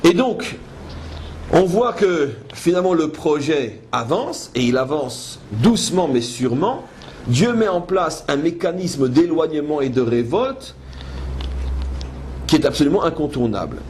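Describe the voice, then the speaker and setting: In this noisy live recording, a male rabbi leads a Torah class, offering scriptural commentary with emphasis, rhetorical questions, and a teacherly tone. His voice is a little high, a little mellow, and animated, with a slightly slow delivery. He alternates French speech with Hebrew verses he quotes.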